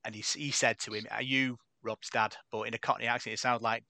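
A man's voice: medium pitch, level tone, fast, creaky, bright, forceful tone, no room sound. A young man hosting a casual podcast, chatting and telling stories in a chatty, self-deprecating way. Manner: chatty, tells anecdotes with self-deprecating laughs. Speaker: podcast host reading the news.

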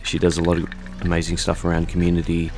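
A man hosting a podcast interview, talking in a relaxed, conversational way with the odd filler, recorded in a studio. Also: low-pitched, quick pace, slight background noise. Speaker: podcast host. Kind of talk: casual spoken intro and interview.

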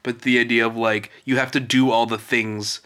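A man's voice: mid-range voice, flat delivery, normal speed, pushed and bright, smooth. A young man co-hosting a casual movie podcast, earnest and detail-focused, with frequent restarts. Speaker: podcast co-host.

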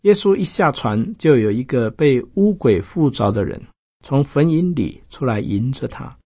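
A man's voice: normal speed, gravelly, breathy edge, no echo. Pastor guy preaching, acts out the bible characters, dry close sound. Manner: lively storytelling, quoting characters with raised pitch. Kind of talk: sermon retelling Bible stories.

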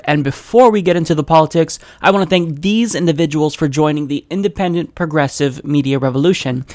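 A man's voice: fairly high pitch, no echo, studio quality. An American man hosting a political podcast, giving opinionated, emphatic commentary with a sardonic edge. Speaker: podcast host. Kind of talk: political commentary, partly scripted.

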